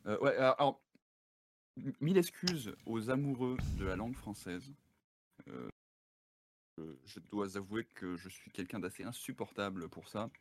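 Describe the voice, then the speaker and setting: A man's voice: lowish voice, expressive, moderate pace, pauses often, slight background noise. A man chatting casually as a guest on a live stream, laughing often and slipping English words into his speech.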